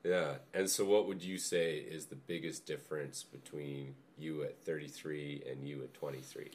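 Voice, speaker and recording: A calm man hosts a relaxed podcast chat, backing up his guest and asking open questions. His voice is extremely low and deep. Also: moderate pace, slight background noise. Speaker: podcast host. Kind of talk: casual interview chat.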